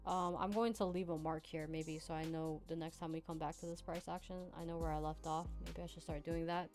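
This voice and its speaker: Over background music, a woman with a deep, flat-sounding voice talks fairly quickly as she streams live backtesting. She's from Hawaii and Virginia in the US and keeps it casual, laughing and responding to chat while marking up charts.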